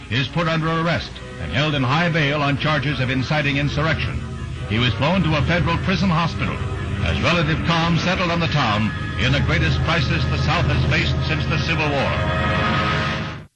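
A man narrating a 1960s newsreel in a brisk, formal announcer delivery, from an old newsreel soundtrack. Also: on the high side, rough recording. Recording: archival newsreel audio with music underneath. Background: background music.

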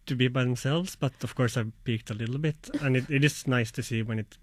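A man from Finland, an artist answering slowly and reflectively, searching for words. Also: medium pitch. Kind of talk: interview answers.

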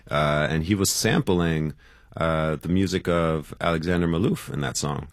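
A man's voice: a bass voice, normal speed, dry recording, clean studio sound. A man being interviewed as a guest musician, talking loosely and rambling in casual conversation.

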